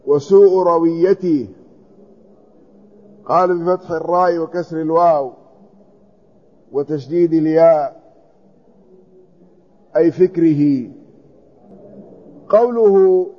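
A man teaching a hadith commentary lesson, reading a passage aloud and then explaining each word. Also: a little high. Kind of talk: classical text commentary lesson. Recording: dull lo-fi recording.

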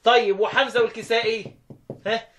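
A man with an Egyptian Arabic accent leads a lesson on Quran recitation, and his voice sits notably high. He chants each verse slowly, then drops into brisk spoken explanation. He keeps firing short questions at his students. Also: flat delivery, fairly bright tone, a little hiss or hum. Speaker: teacher of Quran recitation readings. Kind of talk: interactive lesson, quizzing students.

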